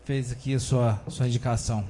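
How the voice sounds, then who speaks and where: A man's voice: medium pitch, steady tone, a little fast, dark tone, slight background noise. A man addressing a council chamber, greeting colleagues formally and speaking plainly. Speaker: city councilman. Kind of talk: council floor speech.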